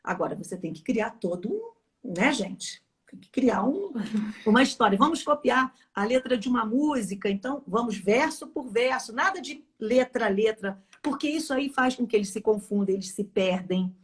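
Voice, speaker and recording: A woman, an experienced teacher talking on a casual live chat. Her voice is a little high, and she speaks emphatically, acting out little scenes as she gives advice. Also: lively intonation, moderate pace. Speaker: guest educator, former school teacher.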